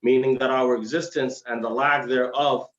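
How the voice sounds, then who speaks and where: A male Islamic scholar, appearing as a guest lecturer, teaches a religious lesson in dialogue form, explaining formally and slipping into Arabic phrases. His steady, mid-pitched voice moves at normal speed, with slightly slurred, heavy-tongued diction caused by dental trouble. The roomy live stream makes him sound somewhat muffled.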